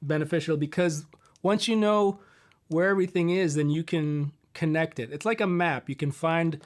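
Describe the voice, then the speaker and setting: Casual middle-aged male streamer, somewhat higher voice, rambling and easygoing, close desk mic. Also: normal speed. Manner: relaxed, rambling, answers viewer questions with fillers. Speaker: host of a live guitar Q&A stream. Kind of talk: casual live-stream chat.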